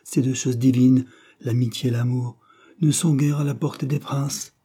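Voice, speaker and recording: Man reading as fervent lovesick prince, storybook, dark warm tone, husky. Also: medium pitch, fairly even intonation, normal speed, pitched above the performer's own voice, lightly acted. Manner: fervent, declamatory. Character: young prince, tender and lovesick.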